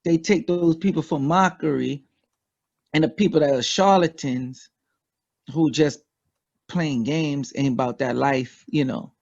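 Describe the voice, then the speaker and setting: A man's voice: a little high, a little slow, gravelly, a little mellow, lo-fi sound. A man with a Trinidadian accent, a guest talking bluntly and casually, swearing freely. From United States. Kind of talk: casual interview talk.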